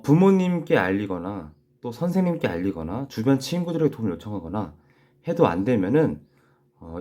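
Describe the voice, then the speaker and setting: A man teaching young children in a recorded class, gently repeating key phrases slowly so they can write them down. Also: fairly low pitch. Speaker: elementary school teacher.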